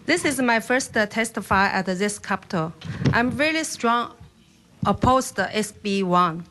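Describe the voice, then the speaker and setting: A woman from China with a Chinese accent giving earnest, pleading testimony in halting phrasing at a podium in a state capitol hearing room. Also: medium pitch, animated, fairly bright tone. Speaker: public testifier. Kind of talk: public testimony.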